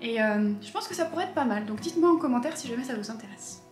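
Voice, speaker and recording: A woman vlogging to camera, chatty and excitable, her slightly high voice full of little hesitations. The room gives her voice a roomy echo, with soft music running underneath. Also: fast talker. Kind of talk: casual chat to camera. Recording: echoey room with faint music.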